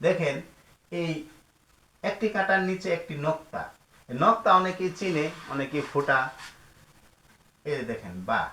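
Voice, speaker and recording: A man's voice: a little high, expressive, unhurried, long pauses, bright, forceful tone. A man teaching Quran letters and their pronunciation, patiently repeating each sound and asking his pupils questions. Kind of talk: slow, repetitive step-by-step teaching. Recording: roomy echo.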